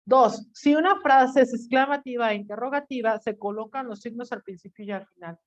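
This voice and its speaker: A woman's voice: a little high, a little fast, rough recording. A woman teaching a class, chatty and teasing, often checking in with her students with questions. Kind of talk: online class lecture.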